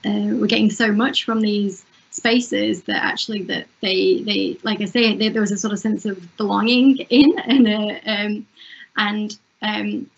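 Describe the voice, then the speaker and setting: A woman's voice: medium pitch, fairly even intonation, unhurried, creaky. A woman festival director answering interview questions over a video call from a room at home, hesitant with many fillers and restarts. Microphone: wired earphone mic on video call. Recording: muffled video call audio.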